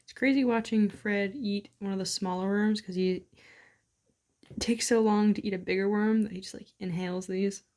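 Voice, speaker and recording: Soft-spoken woman coaxing her pet toads. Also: mid-range voice, fairly even intonation, moderate pace. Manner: coaxing, talks softly to her animals; chatty storytelling with frequent fillers. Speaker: toad keeper filming her pets. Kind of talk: casual vlog chat.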